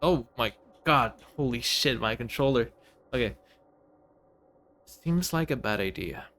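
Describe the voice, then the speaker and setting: A man's voice: medium pitch, expressive, measured pace, fairly bright tone, a little hiss or hum. A man playing through a video game, talking casually with some mild swearing. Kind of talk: game playthrough, reading dialogue aloud.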